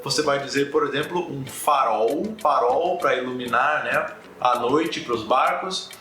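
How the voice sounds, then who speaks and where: Bright-voiced Brazilian teacher in echoey room. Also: male voice, mid-range voice, soft background music. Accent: Brazilian Portuguese. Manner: explanatory, checks in often with tag questions, slows to demonstrate sounds. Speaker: language teacher. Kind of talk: casual spoken lesson. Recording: echoey room with faint ambient noise.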